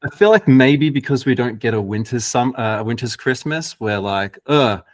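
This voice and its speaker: A man from Australia with an Australian accent, chatting as a podcast guest in a relaxed, laid-back way. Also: medium pitch, moderate pace, no echo, studio quality. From Melbourne, Australia. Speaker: guest producer. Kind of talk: casual podcast chat.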